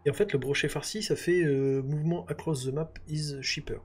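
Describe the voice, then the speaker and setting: A man's voice: a little high, fairly even intonation, moderate pace, slightly rough. A man chatting casually through gameplay, thinking aloud with lots of fillers. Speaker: gaming YouTuber.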